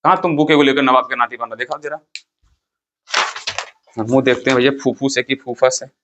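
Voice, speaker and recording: A man's voice: medium pitch, fairly even intonation, a little fast, a bit bright, muffled recording, slight background noise. A man teaching a class, firing questions at the students and repeating the key terms. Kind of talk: classroom lecture.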